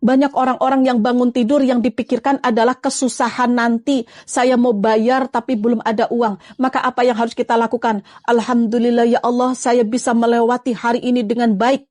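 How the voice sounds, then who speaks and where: High-voiced woman preacher, lively and coaxing. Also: brisk, no echo, clean studio sound. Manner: lively, coaxing, addresses viewers as friends. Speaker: Islamic preacher. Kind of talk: live-streamed religious talk.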